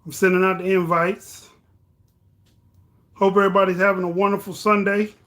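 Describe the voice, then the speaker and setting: A man's voice: sits high, little pitch movement, moderate pace, fairly bright tone. A tipsy man hosting a casual livestream, chatting to viewers in a loose, rambling way and repeating himself. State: tipsy from drinking. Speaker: livestream host. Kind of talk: casual live chat with viewers.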